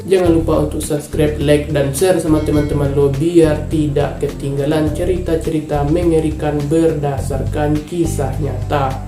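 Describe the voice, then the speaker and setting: A man's voice: a little high, flat delivery, moderate pace. A man from Indonesia narrating a true-crime story in a casual, informal way, openly angry at the wrongdoer. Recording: echoey room with faint music.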